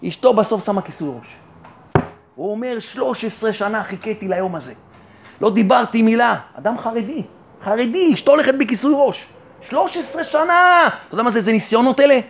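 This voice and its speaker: Rabbi teaching a lesson, very high male voice, poses his own questions and answers them, pushes his point home. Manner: rhetorical questions answered by himself; addresses listeners warmly and directly. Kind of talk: Torah lesson.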